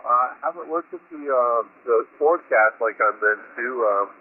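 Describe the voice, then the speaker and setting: A man checking into an amateur radio net in a casual, unhurried way, full of ums and uhs, heard through a radio transmission. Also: medium pitch, expressive. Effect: radio transmission, narrow crackly sound. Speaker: ham radio net participant. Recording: tinny radio-band audio.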